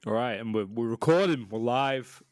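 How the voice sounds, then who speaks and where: A man's voice: medium pitch, moderate pace, dry recording, studio quality. A British man co-hosting a podcast, chatting casually in a talkative, opinionated way with some swearing. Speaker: podcast co-host.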